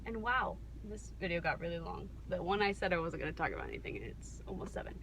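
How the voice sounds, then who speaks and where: A woman's voice: on the low side, fast. American woman, casual vlog storytelling, wry, self-interrupting, acts out dialogue, noisy car interior. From Kansas, United States. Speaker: vlogger. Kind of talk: casual rambling storytelling to camera. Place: inside a car while driving. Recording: noisy car interior, steady background noise.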